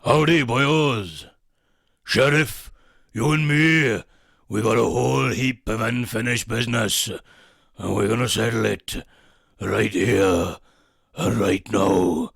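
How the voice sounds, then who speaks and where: An actor playing a menacing, cocky outlaw gunslinger with a drawling, gravelly Western voice in a comedy radio sketch. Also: male voice, lowish voice, slow pace, a bit bright, no room sound, clean studio sound, exaggerated voice.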